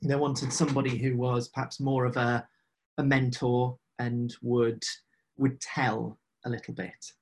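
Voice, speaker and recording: A man's voice: medium pitch, level tone, a little slow, a little hiss or hum. A man in casual, reflective conversation as an interview guest, speaking hesitantly and often repeating phrases as he goes. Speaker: podcast guest, agile coach.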